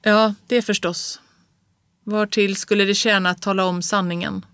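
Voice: medium pitch, flat delivery, fairly bright tone, smooth, dry recording, studio quality, lightly acted. A reader voicing a sick woman who answers her husband tersely and tiredly, in an audiobook of classic prose. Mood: weary. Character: ill, weary woman, cold toward husband.

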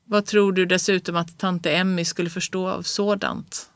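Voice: medium pitch, flat delivery, a bit bright, dry recording, natural voice. A reader voicing a sick, weary, curt wife. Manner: terse, tired replies. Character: ill, weary woman, cold toward husband. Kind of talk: audiobook reading of classic prose.

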